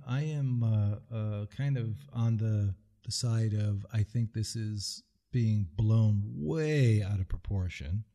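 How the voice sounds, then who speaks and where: A man co-hosting a podcast in casual comedic chat, often halting and restarting his sentences. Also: lowish voice, warm tone. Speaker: podcast co-host.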